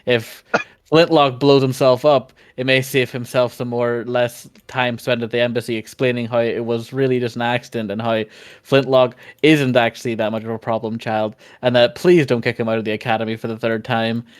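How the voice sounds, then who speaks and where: A man talks casually as a tabletop role-player. His voice is mid-pitched, and he explains his character in an informal, conversational way. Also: little pitch movement, normal speed, smooth. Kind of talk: casual game chat, explaining character motives.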